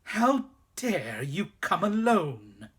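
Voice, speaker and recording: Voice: mid-range voice, big pitch swings, drawn-out words, husky, pitched above the performer's own voice, full character voice. A storyteller voicing a cruel, imperious witch queen who speaks in a raised, commanding voice. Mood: angry.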